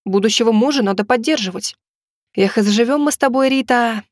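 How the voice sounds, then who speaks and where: A woman's voice: a little high, no room sound, clean studio sound, lightly acted. A woman voicing a pushy young man who keeps pressing for money and takes offence easily, in an audiobook. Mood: coaxing. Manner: insistent, quick to take offence. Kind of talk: audiobook reading.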